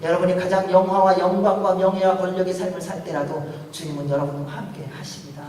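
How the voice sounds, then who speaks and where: High-voiced male pastor in echoing hall. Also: flat delivery, quick pace, a little hiss or hum. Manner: swings from loud emphatic appeals to hushed pleading; preaches in rhetorical questions. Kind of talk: Sunday sermon. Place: large church sanctuary. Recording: echoey hall, voice from far off.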